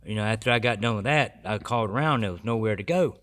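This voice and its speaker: A man giving his personal recovery testimony as a podcast guest, earnest and halting with many restarts. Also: on the low side, fairly bright tone.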